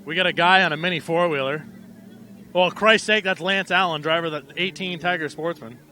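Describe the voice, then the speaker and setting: A man calling a live race outdoors at an amateur track, irreverent and profane, getting excited as the action builds. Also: on the high side, brisk, slight background noise. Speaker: race announcer.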